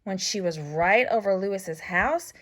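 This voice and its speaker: In her mid-range voice, a storybook reader tells a children's story aloud from a script, shaping her phrasing in an expressive, deliberate way for young listeners.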